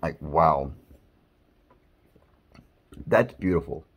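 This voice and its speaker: A man's voice: rumbling low, lively intonation, drawn-out words. A man co-hosting a casual snack-tasting video, teasing his partner and reading product blurbs aloud.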